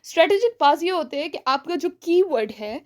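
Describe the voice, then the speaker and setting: A woman teaching a spoken-English lesson, explaining step by step, checking in often with her listeners, and showing volume changes, pauses and stretched words. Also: high voice, animated. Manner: explanatory, checks in with frequent "theek hai?".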